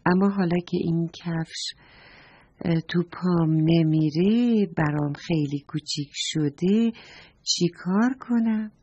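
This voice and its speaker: Woman doing a polite little boy, earnest and respectful, soft husky voice, storybook reading. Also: on the low side, dry recording, muffled recording. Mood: puzzled. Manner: earnest, respectful, worried questions. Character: polite little boy, eager and well-mannered. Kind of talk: storybook read-aloud.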